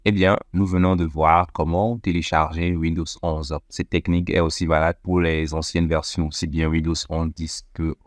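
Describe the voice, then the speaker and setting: In this screen-recorded software walkthrough, a man with a very low voice explains each click methodically and flatly, stopping often on filler words. He presents tech tutorials, and the audio sounds close and dry without any room reverberation.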